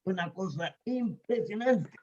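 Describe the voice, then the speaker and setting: A man's voice: high-pitched, lively intonation, measured pace, a little mellow. A man with a Chilean accent telling a personal story in casual conversation, earnest and emphatic, repeating words for stress. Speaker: guest sharing personal testimony. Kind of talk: casual chat. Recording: dull lo-fi recording.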